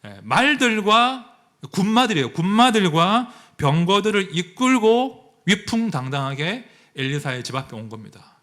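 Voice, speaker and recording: Male pastor, sermon, rhetorical questions, bright tense tone, high voice. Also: moderate pace. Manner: animated, rhetorical questions to the congregation.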